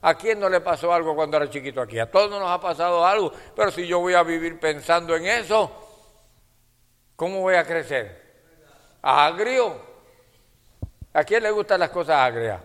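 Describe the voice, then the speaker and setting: A man delivers a sermon to his congregation in a church hall whose long reverb carries his voice, addressing listeners as brother. He swings from hushed near-whispers to loud, fervent passages. His pitch sits on the high side, and he's animated at a normal speed with frequent pauses.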